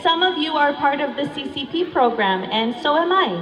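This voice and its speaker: A high-voiced Canadian woman gives a simple public address at a very unhurried pace. Her native language is English, and her Bengali carries a foreign accent. The sound rings around an echoey hall. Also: lively intonation, fairly bright tone. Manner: slow, halting, simple learner's Bengali. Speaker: guest speaker at a charity Christmas program. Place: large echoey room with an audience. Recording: echoey hall, muffled, audience noise behind.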